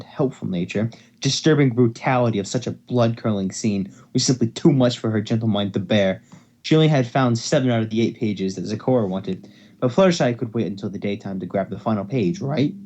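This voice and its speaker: Through lo-fi sound, a man with a dark, medium-pitched voice reads fan fiction aloud as host of an amateur dramatic session. His reading is marked by stumbles and repeated phrases.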